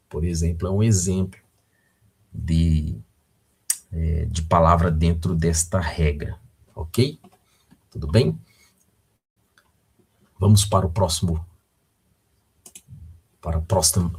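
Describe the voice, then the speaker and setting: A male teacher with a Brazilian Portuguese accent gives a recorded video lesson in a low, husky voice. He talks slowly and patiently, often stopping to check in with the viewer. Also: darkish tone.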